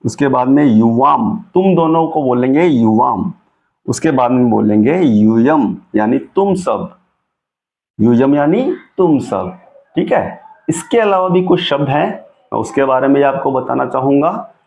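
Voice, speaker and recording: Man, Sanskrit teacher, unhurried, gravelly, patient lesson. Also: medium pitch, expressive, darkish tone, muffled recording. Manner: patient, repeats and checks with "ठीक है?". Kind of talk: slow explanatory classroom lesson.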